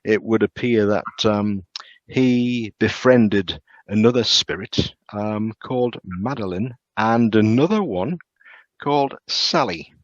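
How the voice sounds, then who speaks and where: A man with a lowish voice tells ghost stories in a halting way, stumbling over words and filling gaps with ums. The sound is dry and muffled, close and dead, with little brightness. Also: no echo. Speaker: castle guide. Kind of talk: casual storytelling.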